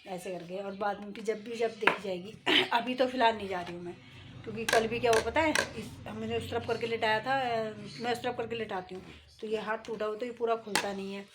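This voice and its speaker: A middle-aged woman vlogger talking casually and at length, with rambling, conversational storytelling and frequent throat clearing. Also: on the high side, a little fast, very noisy. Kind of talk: casual chat.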